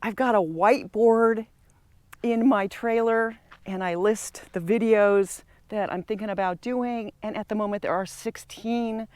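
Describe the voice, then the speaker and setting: A woman's voice: medium pitch, fairly even intonation, a little slow, darkish tone, no room sound. A woman in her sixties talking casually while walking outdoors through a campground, in a chatty, reflective way. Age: 60s. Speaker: travel vlogger. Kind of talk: casual vlog monologue.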